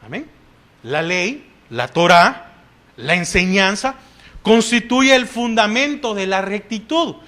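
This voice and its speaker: A man's voice: high-pitched, lively intonation, slow, sharp tone. A man with a Salvadoran Spanish accent preaching a sermon in church, asking the congregation questions and answering them with frequent "amén".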